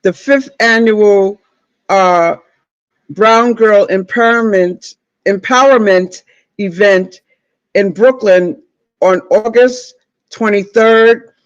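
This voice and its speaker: Male interview host, high-pitched, casual and encouraging, repeats himself, muffled lo-fi recording. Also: slow pace, clean tone, no room sound. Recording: dull, lo-fi audio.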